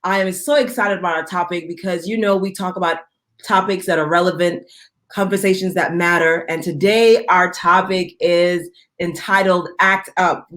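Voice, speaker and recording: A woman's voice: fairly low pitch, steady tone, moderate pace, fairly bright tone. Upbeat woman hosting a video chat. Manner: upbeat, laughs easily. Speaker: videocast host. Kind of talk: casual interview chat.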